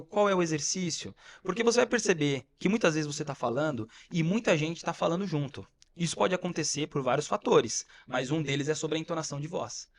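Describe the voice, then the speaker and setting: A man with a slightly high voice and a Brazilian Portuguese accent walks through coaching advice point by point. He talks casually, often checking in with "né?". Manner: explains step by step, frequent "né?" and "tá?". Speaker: podcast co-host, fitness coach. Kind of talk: casual instructive podcast talk.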